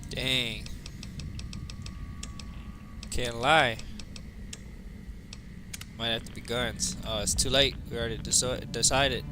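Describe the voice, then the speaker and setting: A tired man casually commenting on his game as he plays, thinking aloud and reading out menu options. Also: medium pitch. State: tired, yawning. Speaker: gaming livestreamer. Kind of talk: casual let's-play commentary. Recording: game music playing behind the voice.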